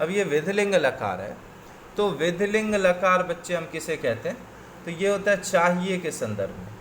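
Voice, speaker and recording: A man's voice: fairly high pitch, fairly bright tone, slight background noise. A man teaching a coaching class, reciting word forms in patient lists and mixing English words into his explanations.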